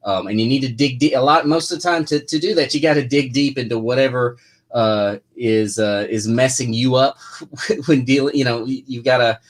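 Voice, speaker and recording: A man's voice: mid-range voice, moderate pace. A man who writes comics, answering viewer questions in a casual live chat, rambling with lots of fillers and restarts.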